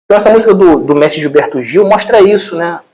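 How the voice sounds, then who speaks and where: A man with a Brazilian Portuguese accent giving an informal lecture, retelling a film in an animated, colloquial way with many repeated fillers. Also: sits high, fast, rough recording.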